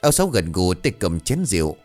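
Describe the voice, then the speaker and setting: A man narrating a ghost story in a steady, measured storytelling voice. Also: deep voice, soft background music.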